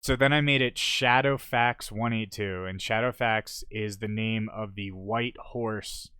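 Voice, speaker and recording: A man's voice: fairly low pitch, steady tone, a little slow, sharp tone, smooth, dry recording, clean studio sound. Casual, profane young man telling stories. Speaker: podcast host. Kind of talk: unscripted solo podcast storytelling.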